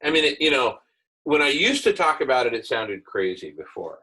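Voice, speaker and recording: A man's voice: medium pitch, very animated, brisk, pushed and bright, slightly rough, rough recording. A man hosting an online group discussion, talking casually and at length in an enthusiastic, idealistic way with emphatic repetition, heard through earbuds on a call. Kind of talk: casual, rambling visionary talk. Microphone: earbuds on an online video call.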